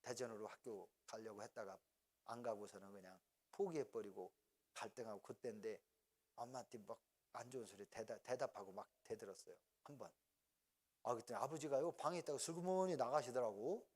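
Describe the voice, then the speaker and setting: A man's voice: medium pitch, a little fast, a little mellow. A middle-aged male pastor preaching a sermon, telling family stories with laughter and acting out his parents' voices. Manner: storytelling, acts out parents' voices, laughs often.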